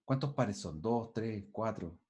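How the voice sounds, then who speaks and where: A man's voice: lowish voice, animated, slow, darkish tone. Man lecturing over a video call. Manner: thinks aloud with many restarts, quizzes students. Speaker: teacher. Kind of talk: online class lecture.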